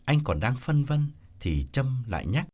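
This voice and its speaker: A man narrating an audiobook story in an expressive storytelling manner. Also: medium pitch, unhurried.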